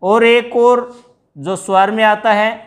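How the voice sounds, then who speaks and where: A man's voice: high voice, fairly even intonation. A man teaching a grammar lesson, explaining step by step and asking his students questions before answering them himself. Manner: drawn-out words when stressing examples.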